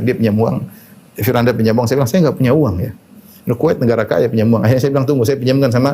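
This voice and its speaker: A man preaching Islam speaks in a medium pitch, his tone darkish and husky. The lecture is conversational, sprinkled with "ya" fillers and quotations of Arabic hadith.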